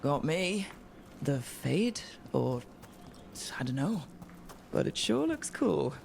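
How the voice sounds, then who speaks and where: An actress playing an easygoing hero who leads a party in a video game. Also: female voice, low-pitched, very animated, slow, creaky, darkish tone, slight background noise, heavily acted.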